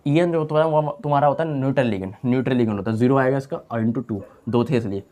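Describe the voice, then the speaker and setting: Young male tutor, mid-pitched, chatty classroom delivery, repeats terms and quizzes himself aloud. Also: fast, warm tone. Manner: casual, repeats key terms, asks and answers own questions. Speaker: chemistry teacher. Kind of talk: online lecture.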